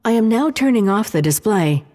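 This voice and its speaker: A woman lightly acts a mellow female AI with a mid-range voice, wrapped in long, hall-like reverb, in the style of a sci-fi audio drama. Calm, helpful and precise, she lays out analysis in measured, formal sentences.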